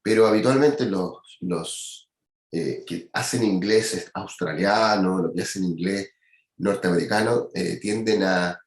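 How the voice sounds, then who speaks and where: Man lecturing in an echoey classroom. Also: low-pitched. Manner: explanatory, peppers speech with "¿ya?" and "¿cierto?". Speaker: anatomy lecturer. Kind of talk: university lecture.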